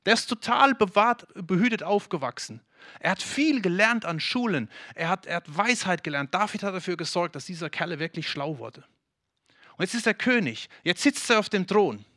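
A man from Germany preaching a sermon, talking straight to the congregation in a lively way with frequent restarts. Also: high voice, moderate pace, no echo, clean studio sound. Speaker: pastor.

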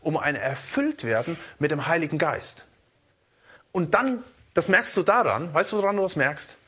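Lively guy giving a sermon, husky voice, bouncy pitch, keeps tripping over repeated words. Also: moderate pace, lo-fi sound. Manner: lively, keeps checking in with listeners; repeats words while searching. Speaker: preacher.

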